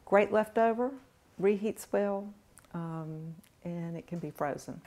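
A middle-aged woman with a lowish voice answers questions in a big home kitchen. She talks plainly and calmly, with a dry sense of humor. Her voice comes through a clip-on mic. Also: slow pace. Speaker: guest home cook. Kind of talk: casual interview.

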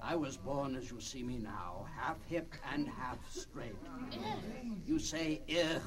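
A man's voice: medium pitch, animated, takes it slowly. A man playing a self-pitying sideshow freak, declaiming solemnly and theatrically in a comedy sketch. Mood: mournful showmanship. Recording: loud crowd behind the voice.

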